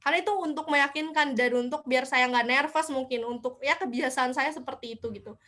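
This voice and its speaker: A woman's voice: high-pitched, a little fast, sharp tone. A young woman giving a casual online lecture, chatty, asking herself questions and answering them. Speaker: speaker at a student seminar.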